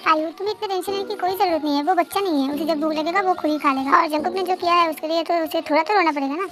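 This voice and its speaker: A woman's voice: extremely high pitch, rapid-fire, fairly bright tone. Fan drama: woman doing a strict dad, music underneath. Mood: stern. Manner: stern, lecturing. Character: stern father refusing to forgive his son.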